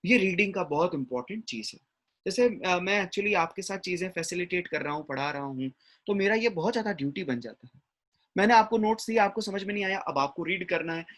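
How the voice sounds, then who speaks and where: A man's voice: high voice, lively intonation, a little fast, fairly bright tone. A man giving a classroom lecture as an English teacher, often checking in with his listeners. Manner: mixes English words into explanation, frequent "ठीक है ना?" check-ins.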